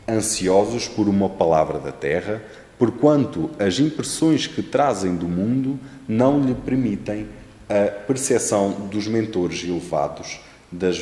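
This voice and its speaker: A man with a European Portuguese accent giving a spiritist lecture in a measured, solemn manner with frequent restarts. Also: lowish voice, mellow. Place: lecture hall. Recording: echoey hall with long reverb.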